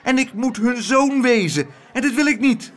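A man voicing a frightened young boy who pleads in a high, rushed voice. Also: lively intonation. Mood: pleading. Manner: high, fast pleading rush.

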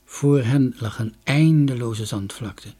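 A man reading a children's story aloud with expressive, lilting delivery. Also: mid-range voice, slow pace, breathy edge.

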